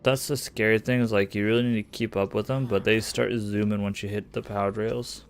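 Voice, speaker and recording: A man's voice: fairly low pitch, fairly even intonation, a little fast, a little hiss or hum. A man streaming a survival game, chatting casually and muttering to himself, now and then swearing under his breath when things go wrong. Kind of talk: casual gameplay commentary. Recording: lofi music faint behind.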